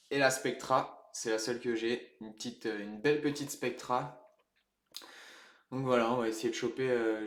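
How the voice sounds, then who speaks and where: A man's voice: medium pitch, slight background noise. Chatty man streaming a card break, echoey room. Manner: chatty, laughs at himself, greets chat viewers. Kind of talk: casual live-stream chat.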